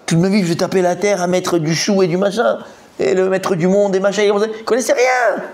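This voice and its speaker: A man, a rabbi, teaching a Talmud class in a lively, repetitive storytelling manner that acts out the characters. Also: high voice, moderate pace.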